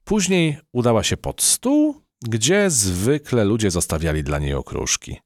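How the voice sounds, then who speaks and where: Expressive man reading a children's story. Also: on the low side, measured pace, no room sound, studio quality. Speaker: narrator. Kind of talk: children's audiobook narration.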